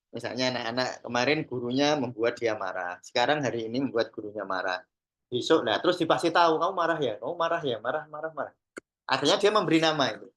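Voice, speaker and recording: This male voice is medium in pitch, bright and pushed, carrying a Javanese accent. The speaker, a Sufi teacher and trainer of therapists, talks informally to a class in a chatty way, mixing in Javanese phrases and performing small sample conversations.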